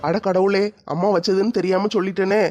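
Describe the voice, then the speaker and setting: Meek young husband played by a woman, fretful, flat, monotone. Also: mid-range voice, brisk, soft background music, voice pushed down, close to an everyday voice. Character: meek young husband caught between wife and mother.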